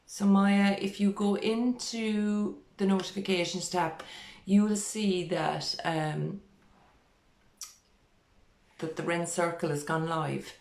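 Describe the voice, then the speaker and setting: Slow, chatty middle-aged woman host. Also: fairly low pitch, steady tone, creaky, darkish tone, roomy sound. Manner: chatty, many fillers and restarts. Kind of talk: casual live-stream interview. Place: small room indoors.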